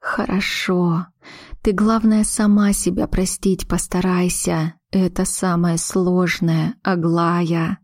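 A woman voicing a stern, sharp-tongued older mother who speaks slowly and bluntly, as a read audiobook. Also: fairly low pitch, level tone, dry recording, clean studio sound. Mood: tender.

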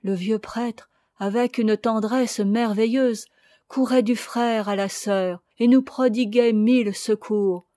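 A woman narrating a classic novel as an audiobook reader, in a measured, dramatic manner. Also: on the high side, fairly even intonation, warm tone, no room sound, clean studio sound. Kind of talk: literary narration.

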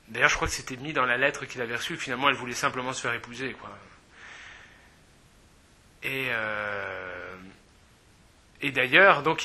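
A man's voice: medium pitch, bright, forceful tone, slightly rough. A man giving a casual, hesitant spoken summary of a novel, full of fillers and self-corrections, amused and chatty. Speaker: book reviewer.

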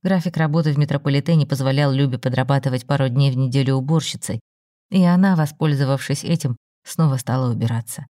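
A low, dark woman's voice reading a story in a steady, measured manner. The recording is dry and close-miked, with no room sound. Her tone stays mellow throughout. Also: dry recording. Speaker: narrator. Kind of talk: scripted story narration.

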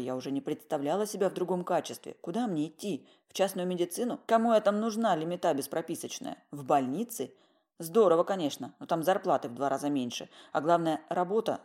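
Low-voiced woman reading a wry first-person story. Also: dark tone. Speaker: audiobook narrator. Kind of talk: first-person audiobook narration.

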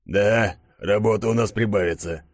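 A man voicing a stern middle-aged chief who briefs his team in a grave, measured way. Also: fairly low pitch, no echo, studio quality.

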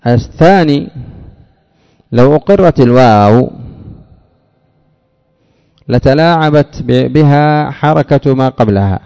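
A man teaching an Arabic grammar lesson, explaining step by step, asking rhetorical questions and drawling out example words slowly. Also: medium pitch, expressive, mellow, clear, resonant tone, long reverb tail. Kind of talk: classroom lecture on grammar.

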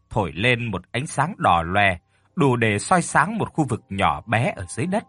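A man narrating a horror story with a lively storytelling delivery. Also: medium pitch, husky, no room sound. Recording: dry close mic with faint music.

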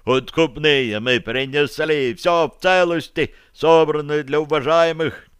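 In an audiobook, a panicky messenger , voiced by a male narrator, begs in a high, loud, wailing voice. The sound is smooth and clear, recorded dry and close. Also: measured pace, dry recording. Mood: pleading. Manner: pleading, wailing.

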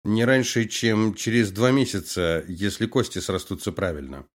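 A man's voice: fairly low pitch, moderate pace, close to an everyday voice. A man reading an audiobook, voicing a timid, confused male military doctor. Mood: hesitant. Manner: hesitant, confused.

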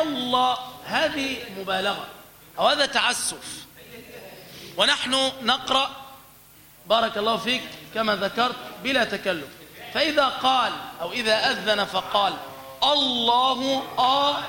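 Man, religious teacher, bright voice, reverberant hall. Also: high voice. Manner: explains slowly, then sings example phrases drawn out. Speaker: teacher of call to prayer pronunciation. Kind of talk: religious lesson with demonstrations.

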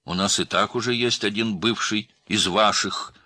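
A man voicing a hot-tempered, scornful male crime clan brother who shouts, in a story reading. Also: fairly low pitch, moderate pace, no echo, voice pushed up. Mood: defiant.

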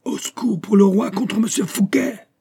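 A man's voice: fairly even intonation, normal speed, gravelly, slightly rough, heavily acted. A screaming imprisoned king. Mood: desperate. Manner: shrill strained shouting.

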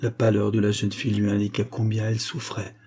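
Husky, mellow male audiobook narrator. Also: on the low side, monotone. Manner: measured, literary. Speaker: audiobook reader. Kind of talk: scripted narration.

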